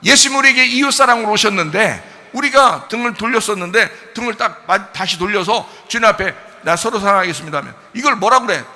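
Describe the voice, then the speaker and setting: A male pastor preaching a sermon in a conversational style, asking the congregation rhetorical questions and moving between quiet and loud passages. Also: high voice, animated, brisk, hardly any pauses. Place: church sanctuary. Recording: church hall reverb.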